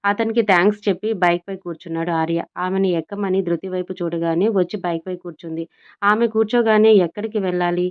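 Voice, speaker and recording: Low smooth woman narrating a story. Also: steady tone, quick pace, phone-quality sound. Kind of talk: audiobook narration.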